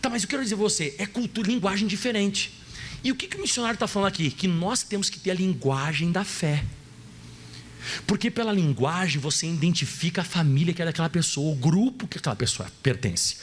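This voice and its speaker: Delivering a sermon, a Gaúcho-accented pastor from Rio Grande do Sul in southern Brazil is animated and playful, acting out voices and putting questions to the congregation. His male voice sits high and brisk, with a little hiss or hum on the recording.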